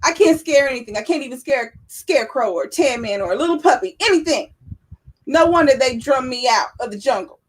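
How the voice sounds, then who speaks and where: A woman's voice: sits high, animated, fairly quick. A woman voicing a big blustering male lion who boasts in song but turns out to be a coward. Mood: self-pitying. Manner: swaggering sung boasts, then whiny self-pity.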